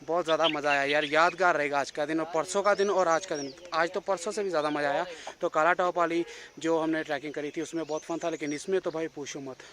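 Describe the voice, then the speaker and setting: A young man narrating a casual travel vlog outdoors, chatty and excited, with a sore throat. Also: fairly high pitch, fast talker. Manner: chatty, excited, laughs often. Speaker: travel vlogger. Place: outdoors on a hill station trip.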